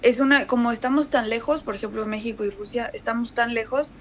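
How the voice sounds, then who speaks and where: A woman's voice: a little high, fairly quick, slight background noise. A woman from Mexico with a northern Mexican accent, chatting casually as a guest and telling stories full of fillers. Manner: chatty, animated storytelling with many fillers. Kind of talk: casual conversation.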